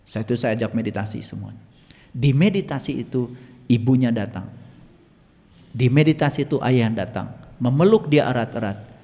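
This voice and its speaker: A man's voice: moderate pace, long pauses. Dramatic male spiritual teacher in a hall. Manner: dramatic storyteller, swinging between loud high bursts and quiet low asides. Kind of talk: teaching talk told through stories. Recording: long hall reverb.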